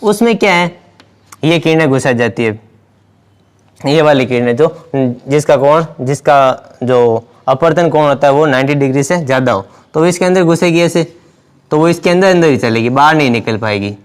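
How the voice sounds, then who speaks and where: A man teaching a science class at the board, his voice fairly high and clean. He explains step by step and repeats each key term while he writes. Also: moderate pace, clean tone. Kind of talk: blackboard lesson.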